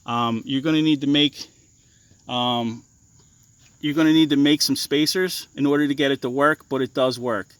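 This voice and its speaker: A young man walks through the parts on his off-road bike in a loose, stop-start way, full of ums and restarts. His voice is smooth and clear, and the sound is dry, with no room echo. He talks bluntly and swears casually. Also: fairly high pitch, fairly even intonation. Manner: halting, many ums and restarts, blunt and profane. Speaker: ATV owner explaining his bike mods. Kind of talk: casual walkaround explanation.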